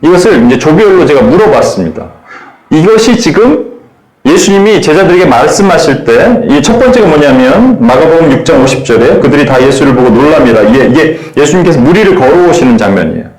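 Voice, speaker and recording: A man preaching a sermon in an animated way, acting out the voices he quotes. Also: fairly high pitch, a little fast, roomy sound, poor audio. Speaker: pastor.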